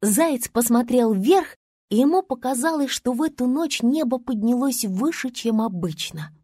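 A woman narrating a children's story in a lively, expressive way. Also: on the high side, normal speed, breathy edge, dry recording, clean studio sound. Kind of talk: storybook reading.

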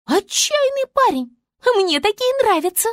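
A woman's voice: very high-pitched, big pitch swings, unhurried, no echo, clean studio sound, pitched above the performer's own voice, full character voice. A woman voicing a dramatic, haughty female star who talks in a theatrical, wailing, bossy way.

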